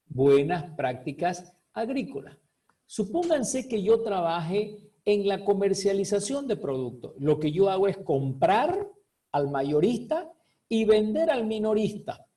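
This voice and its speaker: A teacher giving a recorded class on food safety, speaking slowly and deliberately in a soft, mellow tone. The teacher asks rhetorical questions, checks in with "ok?" and repeats key words to stress them. The voice sounds somewhat distant from the microphone. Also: mid-range voice. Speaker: food quality control teacher.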